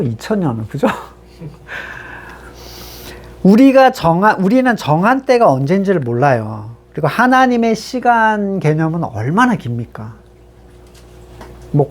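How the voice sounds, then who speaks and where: Lively conversational Korean-church pastor preaching. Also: mid-range voice. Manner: conversational, asks the congregation rhetorical questions; reads scripture aloud and then explains it plainly. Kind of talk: sermon.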